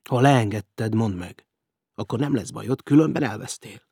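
A man's voice: lowish voice, creaky, darkish tone, husky, dry recording, studio quality. A man voicing a determined young male detective who questions people in a firm, terse way. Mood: stern.

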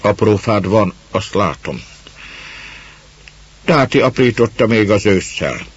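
A man voicing a gruff, dark-faced, mustached peasant who speaks hoarsely and awkwardly. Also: on the low side, lively intonation, no room sound, dull audio. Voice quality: hoarse, grumbling. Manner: awkward, halting, mumbled.

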